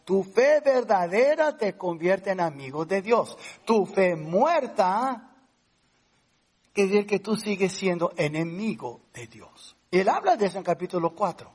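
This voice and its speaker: Brief: male pastor, emphatic sermon, lively pitch swings, mix. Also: moderate pace. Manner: emphatic preaching with questions to the congregation and English fillers.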